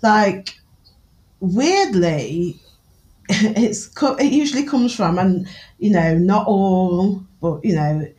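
A woman's voice: medium pitch, lively intonation, slow pace, a little mellow, rough recording. Frank Newark-accented woman, laughing. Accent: Newark, English East Midlands. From England. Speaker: podcast guest, author and Obeah practitioner. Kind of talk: casual conversational interview.

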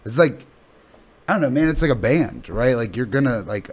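A man's voice: mid-range voice, expressive, moderate pace, slightly rough. A male comedian being interviewed in a casual podcast chat, thinking aloud in rambling, sweary sentences. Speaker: stand-up comedian guest.

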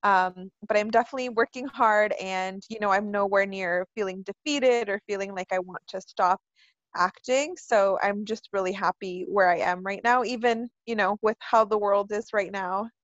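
A woman's voice: medium pitch, steady tone, moderate pace, dry recording. A woman in her twenties from California, answering interview questions about her work as an actress in a chatty, earnest way. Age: 20s. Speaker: guest actress. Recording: dull, dry lo-fi sound.

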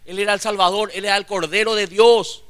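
A man's voice: high-pitched, steady tone, a little fast, a bit bright. A man preaching as a pastor, fervently calling his listeners brothers and pressing them with rhetorical questions during a church sermon. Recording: long reverb of a large church hall.

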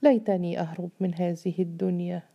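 A woman's voice: on the low side, steady tone, brisk, vocal fry, dark tone, dull audio. A woman voicing a despairing young woman in a storybook, pleading and tearful.

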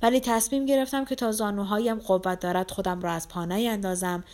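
A woman voicing a gravely ill young man who speaks quietly in a hoarse, near-whispering voice, in an audiobook reading. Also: mid-range voice, fairly even intonation, lightly acted. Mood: weary. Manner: quiet and slow.

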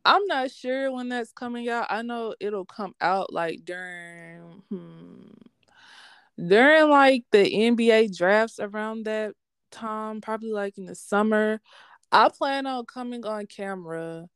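A woman's voice: medium pitch, measured pace, clean tone, dry recording, studio quality. A young woman, talking candidly and animatedly about her sports podcast in a casual interview. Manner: candid, slangy, animated storytelling.

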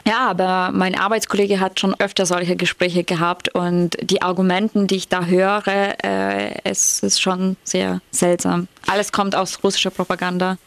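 A woman's voice: fairly low pitch, level tone, moderate pace, gravelly, hardly any pauses. A young Ukrainian woman with an accent, talking earnestly in a casual podcast chat, sometimes searching for words. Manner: earnest, searches for words, small grammar slips. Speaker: podcast co-host.

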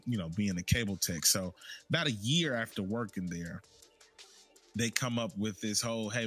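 A man's voice: fairly low pitch, fairly bright tone, slightly rough. A man casually telling a long personal story about his work, rambling with restarts and repeats. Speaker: storyteller recounting work life.

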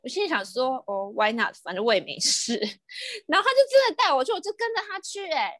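A young woman from Taiwan with a Taiwanese Mandarin accent, co-hosting a podcast and telling a story in a casual, animated way, laughing often and dropping in English words. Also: high-pitched, fast, dry recording, clean studio sound. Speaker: podcast co-host.

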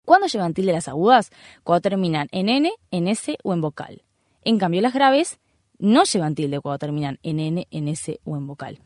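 A woman hosting a radio segment and patiently explaining grammar, slowing down to repeat her examples. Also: on the low side, sing-song, darkish tone, no room sound, studio quality. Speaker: radio host.

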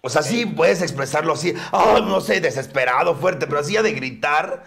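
A man's voice: fairly high pitch, animated, normal speed, creaky, a bit bright. A man with a Mexican accent co-hosting a podcast, joking crudely and laughing often. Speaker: podcast co-host. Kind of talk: casual crude banter.

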